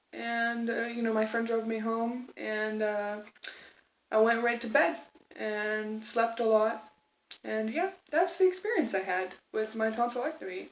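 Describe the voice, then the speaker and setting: Female vlogger, higher-pitched voice, rambling casual storytelling, recorded in a very echoey room. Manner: rambling, conversational, acts out quoted exchanges. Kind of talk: casual personal storytelling to camera.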